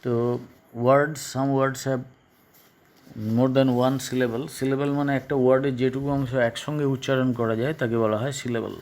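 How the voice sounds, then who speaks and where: Male teacher, slow and halting. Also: medium pitch, little pitch movement, a little mellow. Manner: slow, halting, repeats and translates each phrase. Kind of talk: class lesson explaining English in Bengali.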